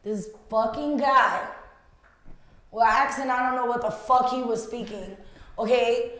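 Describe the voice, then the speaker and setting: A young woman co-hosting a podcast, telling animated, profane stories in casual chat with lots of laughter. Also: on the high side, a little slow. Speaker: podcast co-host. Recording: very echoey room.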